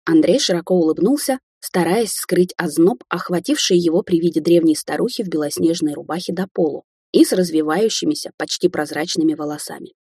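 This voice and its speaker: A woman narrating a fantasy audiobook in a steady storytelling manner. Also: on the low side, brisk, hardly any pauses, slightly rough, no room sound, studio quality.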